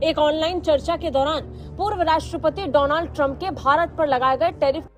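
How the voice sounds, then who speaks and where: High-voiced woman reading the news. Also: a little fast, muffled recording, faint music behind. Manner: formal, crisp delivery. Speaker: news anchor.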